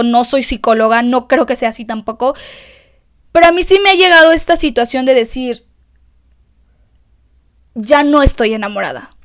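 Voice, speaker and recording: A young woman with a Mexican accent hosting a solo podcast, talking candidly and emotionally to her listeners and swearing freely. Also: high-pitched. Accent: Mexican Spanish. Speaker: podcast host. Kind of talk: confessional solo podcast monologue.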